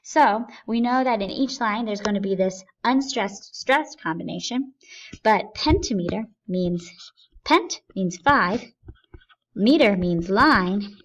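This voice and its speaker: Slow, patient woman teacher, muffled recording. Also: mid-range voice, lively intonation. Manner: patient, thinks aloud and asks herself questions. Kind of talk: explaining poetry step by step. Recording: dull lo-fi recording.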